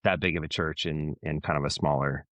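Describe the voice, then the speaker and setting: A man's voice: rumbling low, fairly even intonation, fairly quick, fairly bright tone, no room sound. A man from Southern Oregon, a guest musician, telling easygoing stories in casual chat with frequent restarts. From Southern Oregon, USA. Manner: easygoing storytelling with many restarts.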